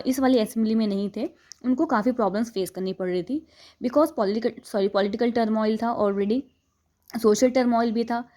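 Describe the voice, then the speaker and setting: A young woman teaching a history class, reading English lines slowly and then explaining them in a Hindi-English mix, often checking in and correcting herself. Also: on the high side, warm tone. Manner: self-correcting, stops to fix pronunciation.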